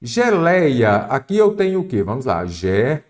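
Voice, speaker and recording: A man's voice: a little high, very animated, moderate pace, a little mellow. A man with a Brazilian Portuguese accent teaches an exam-prep grammar lesson, asking questions and answering them himself. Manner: didactic, asks and answers his own questions.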